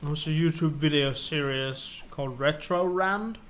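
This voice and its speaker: A man's voice: fairly high pitch, normal speed, fairly bright tone. A man co-hosting a podcast, patiently explaining details in casual chat, with some stammered restarts. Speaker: podcast co-host.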